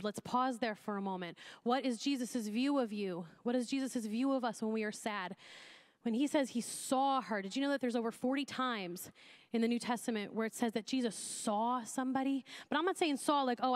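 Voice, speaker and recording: A woman pastor giving a sermon in a conversational style that grows more intense as she goes. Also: fairly high pitch. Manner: conversational preaching, rising in intensity.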